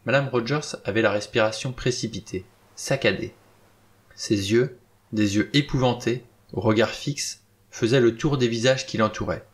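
A man reading a novel aloud in a steady, plain narrating voice. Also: mid-range voice, normal speed. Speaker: audiobook reader.

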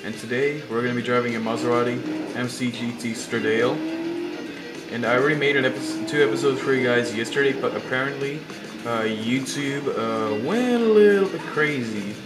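A gaming channel host, a young man with a slight cold and sore throat, rambles through casual let's-play commentary full of fillers and restarts. His mid-range voice moves at a normal speed. The sound is roomy, with loud game music and engine noise in the background.

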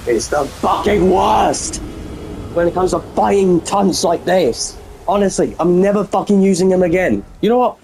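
A man's voice: high-pitched, lively intonation, normal speed, vocal fry, a little mellow, slight background noise, poor audio. Raging, swearing gamer guy. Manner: swears constantly, rages at the game. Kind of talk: let's play commentary.

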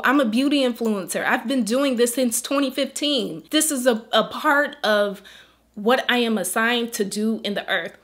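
In a faith vlog, a beauty influencer with a fairly high voice speaks earnestly and pleadingly. She holds back tears and sometimes drops to a soft whisper.

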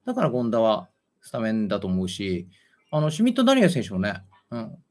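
A man talking casually about football as a show host, fast and animated, rambling with many fillers. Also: lowish voice. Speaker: football commentator and amateur coach. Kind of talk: casual talk-show chat.

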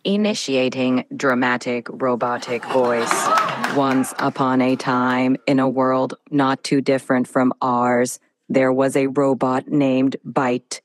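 A woman's voice: a bass voice, steady tone, background noise, voice pushed down. A synthetic woman's voice putting on a robotic voice to tell a bedtime story as a dramatic robot storyteller. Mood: mechanical. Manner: robotic voice, slow and deliberate.

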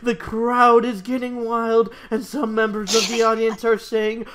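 Slow, halting amateur fan-fiction reader. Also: medium pitch, monotone, fairly bright tone, a little hiss or hum. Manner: slow, halting reading with slips.

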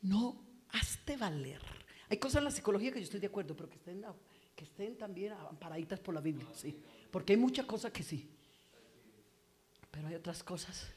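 Woman preacher, Pentecostal sermon, shifts from fervent shouting to quiet asides. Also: medium pitch, lively intonation, fairly quick, pauses often. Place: church service.

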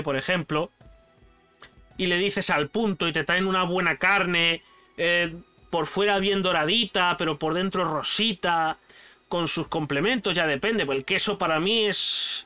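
A young man from Spain with a Spanish accent, chatting casually and animatedly while ranking foods for his channel, full of slang. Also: sits high. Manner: animated, slangy, addresses viewer as "tío". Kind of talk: casual chat, food tier list.

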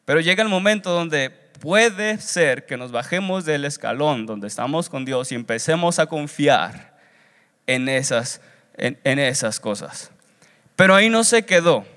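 Speaking a little slowly, a young seminary student preaches in a fairly high, slightly bright voice with lively intonation. He is earnest and instructive and repeats phrases to stress them. He uses a handheld wired microphone on a large church auditorium stage, and the PA sound echoes through the hall.

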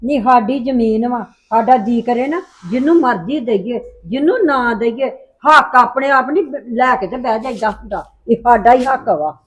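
A woman's voice: a little high, moderate pace, hardly any pauses, lightly acted. A woman with a Punjabi accent playing an older village mother who pleads with and protects her son. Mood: worried pleading. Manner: coaxing, repeated pleading. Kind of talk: family drama dialogue.

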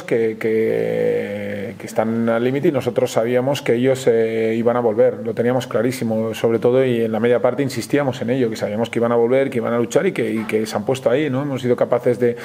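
Spanish male coach at a presser, flat delivery, mellow and warm, hesitant. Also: mid-range voice, creaky. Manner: measured, frequent hesitations and restarts. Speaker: basketball coach. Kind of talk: post-game press conference.

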